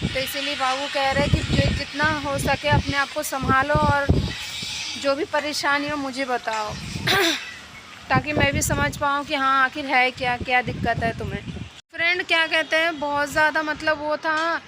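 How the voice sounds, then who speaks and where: A woman's voice: high-pitched, fairly even intonation, measured pace. A young woman chatting casually to her viewers from a rooftop, rambling and repeating herself, sounding cold and unwell. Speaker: vlogger. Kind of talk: casual vlog chat to viewers. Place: rooftop outdoors in rain and wind. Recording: loud rain, wind and traffic noise outdoors.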